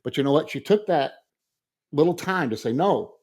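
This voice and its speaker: A man's voice: fairly high pitch, moderate pace, a little hiss or hum. A middle-aged man co-hosting a podcast, telling stories in a casual chat and acting out quoted dialogue. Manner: animated storytelling, acts out quoted dialogue. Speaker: podcast co-host.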